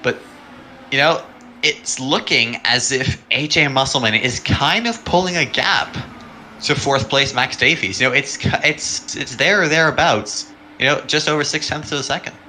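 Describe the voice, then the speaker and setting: A man from Canada commentating a sim race, chatty and quick with punning asides. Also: mid-range voice, sharp tone, a little hiss or hum.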